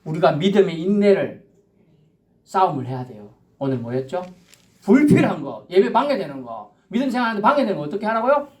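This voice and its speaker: A male pastor preaching a Sunday sermon in a conversational, animated way. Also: high-pitched, a little fast. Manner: conversational, animated, with acted-out asides.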